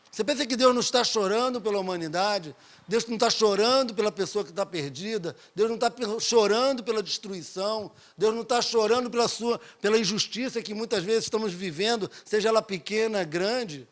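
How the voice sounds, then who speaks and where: A pastor preaching a fervent sermon, full of rhetorical questions and repetition. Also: male voice, sits high, a bit bright.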